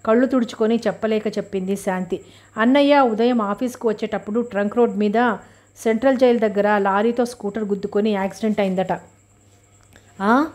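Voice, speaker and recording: A woman's voice: medium pitch, fairly even intonation, fast, a little mellow. Woman reading a novel aloud. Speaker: audiobook narrator. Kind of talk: audiobook narration of a novel.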